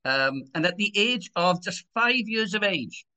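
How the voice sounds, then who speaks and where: A man's voice: high-pitched, expressive, a little slow, bright, forceful tone. A man in his sixties from Swansea, with a Swansea Welsh accent, giving conversational personal testimony as an interview guest. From Swansea, Wales. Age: 60s.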